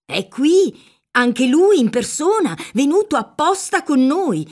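A woman voicing a flustered male village priest who speaks in a hurried, coaxing, reassuring way. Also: sits high, big pitch swings, pitched above the performer's own voice, heavily acted.

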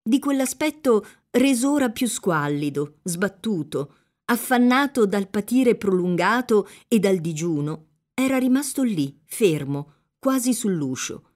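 A woman reading a classic novel aloud in a measured, even storytelling manner. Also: medium pitch. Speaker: reader.

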